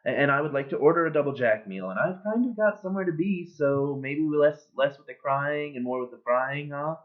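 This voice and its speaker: A man cold-reading a bitter, sardonic middle-aged male horse who was once a star, joking in a deadpan way, recorded on a built-in webcam mic. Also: on the high side, fairly quick, pitched above the performer's own voice, lightly acted. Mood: wry storytelling. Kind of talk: cold-read monologue. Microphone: built-in computer webcam mic. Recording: tinny, phone-like webcam audio.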